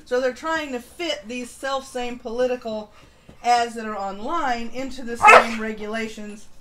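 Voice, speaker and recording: Her voice is fairly high and unhurried as she reads political news on her livestream, offering informal, opinionated takes and swearing casually. Noticeable background noise runs under the recording.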